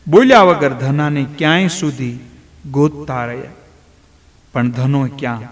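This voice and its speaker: A man telling a devotional folk story in a slow, measured storytelling manner. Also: medium pitch. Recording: long hall reverb.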